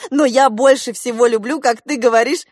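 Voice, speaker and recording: A woman's voice: on the high side, steady tone, a little mellow, dry recording, clean studio sound, voice pushed up, close to an everyday voice. A woman reading an audiobook, voicing an earnest eleven-year-old girl who asks questions insistently. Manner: insistent, presses questions slowly.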